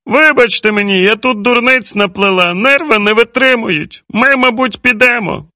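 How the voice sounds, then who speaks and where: A man voicing a bitter, sharp-tongued elderly woman in an audiobook, in a high, shrill voice. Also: normal speed, no echo, clean studio sound. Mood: contrite. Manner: shrill, biting retorts.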